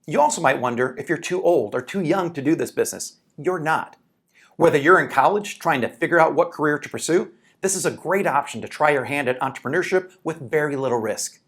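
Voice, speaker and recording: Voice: mid-range voice, lively intonation, brisk, fairly bright tone. A narrator reading a scripted promotional voice-over, reassuring and answering doubts. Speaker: sales pitch narrator.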